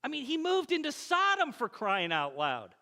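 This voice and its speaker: A man's voice: extremely high pitch, normal speed. A male pastor preaching a conversational sermon in a church sanctuary, telling stories and acting out quoted speech. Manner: animated storytelling, acts out quoted speech. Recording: echoey church hall.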